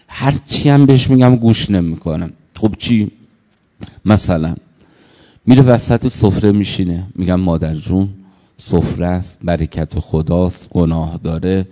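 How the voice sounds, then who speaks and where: Low, mellow male preacher in a hall. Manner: storytelling, acting out the people in his stories. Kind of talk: sermon with anecdotes.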